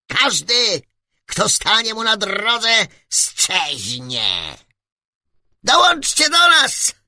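A man voicing a tiny fanged creature ruler who speaks through a megaphone in a squeaky, gloating voice of grand threats. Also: sharp tone, no room sound, full character voice. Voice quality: squeaky, piping little voice.

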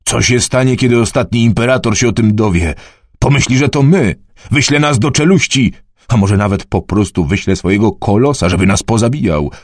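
A man's voice: lowish voice, a little fast, few pauses, a little mellow, no room sound, clean studio sound, natural voice. A man reading an audiobook, voicing a terrified male peasant who speaks in a panicky, rising voice.

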